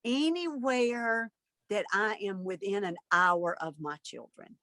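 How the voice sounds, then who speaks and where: A woman's voice: medium pitch, slow, sharp tone. A woman, a guest telling stories in casual interview chat over a video call. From Alabama, USA. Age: 50s. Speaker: guest, mother of a host.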